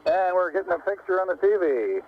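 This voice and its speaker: A man's voice: high voice, a little fast. Man on a crackly, cutting-out radio link. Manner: calm, terse, procedural. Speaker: mission control radio operator. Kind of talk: clipped radio procedure talk. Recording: tinny radio transmission with static hiss.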